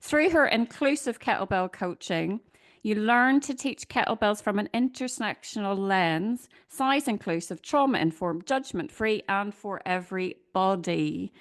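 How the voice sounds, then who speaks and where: A woman's voice: medium pitch, lively intonation, a little slow. A woman with an Irish accent co-hosting a podcast, upbeat and chatty as she introduces her guest. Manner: upbeat and chatty, reading a bio aloud. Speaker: podcast co-host. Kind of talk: casual interview conversation.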